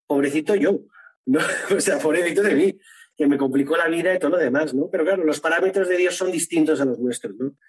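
Man, husky, a bit high, earnest, interview testimony, tag questions. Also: a little fast, low-quality recording. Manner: earnest, tags phrases with "¿no?".

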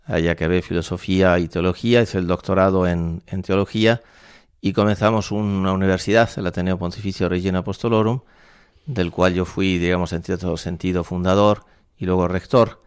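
A man in his sixties from La Mancha in Spain, a priest, speaking thoughtfully with frequent pauses in a radio studio interview. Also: low voice, fairly even intonation, clean tone, dry recording. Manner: thoughtful, measured, with frequent hesitations. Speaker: priest and university rector. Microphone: studio microphone.

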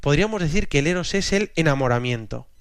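Explanatory man teaching faith, higher voice. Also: animated, fast talker, no room sound, studio quality. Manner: explanatory, often adds a questioning "¿no?". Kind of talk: religious teaching talk.

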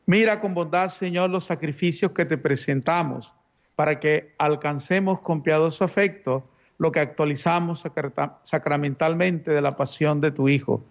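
A man's voice: on the high side, normal speed, gravelly, dull audio. A man speaking as a priest at Mass, reciting liturgical prayers in a solemn, formal manner.

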